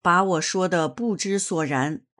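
A woman reading a first-person testimony aloud in a measured, earnest way. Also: on the low side, a bit bright.

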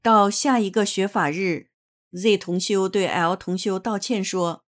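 A woman reading a first-person testimony aloud in a measured, earnest way. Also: mid-range voice.

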